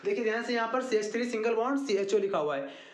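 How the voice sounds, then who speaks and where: A man teaching a chemistry lesson to a class. He repeats formulas slowly and keeps asking the class questions, then answers them himself. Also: high voice, lively intonation, a little hiss or hum. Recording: echoey room.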